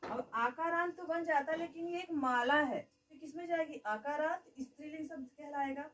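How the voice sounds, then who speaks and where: A woman's voice: high-pitched, normal speed, a bit bright, recorded from a distance, poor audio. A woman teaching a grammar lesson. She keeps asking the class questions and answering them herself, and she says "okay" often.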